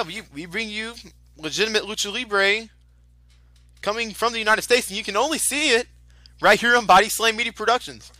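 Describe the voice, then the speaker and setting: A man giving ad-libbed lucha libre match commentary in the manner of an excitable wrestling announcer. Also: high voice, no echo. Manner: excitable announcer, exclaiming at moves.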